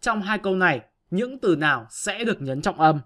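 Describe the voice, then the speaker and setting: A man's voice: high voice, animated, moderate pace, bright, forceful tone. A male teacher giving an online grammar lesson, patiently explaining step by step to his pupils.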